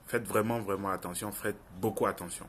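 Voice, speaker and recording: Here the young man's voice is lowish and steady in tone, moving fairly quickly with a fairly bright quality, and there is slight background noise. He has a Francophone African accent and works as an online video commentator. In an informal opinion monologue, he speaks earnestly and insistently, repeating phrases to drive points home.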